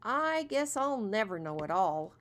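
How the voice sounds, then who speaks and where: Casting: a woman doing a sincere, good-natured farm boy, bright and lively. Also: mid-range voice, a little slow, a little hiss or hum, pitched above the performer's own voice. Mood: earnest. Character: earnest, kind-hearted farm boy. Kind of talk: storybook reading.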